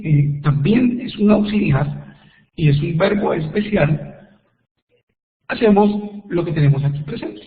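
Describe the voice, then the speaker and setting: A man teaching an online English grammar lesson, explaining slowly and patiently with repeated examples. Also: on the high side. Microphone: computer microphone on a web call. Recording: echoey tinny web conference audio.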